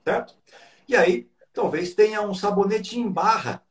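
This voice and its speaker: High-voiced Brazilian man explaining. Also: expressive, measured pace. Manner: explanatory, tag questions. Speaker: business coach guest. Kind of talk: live online talk.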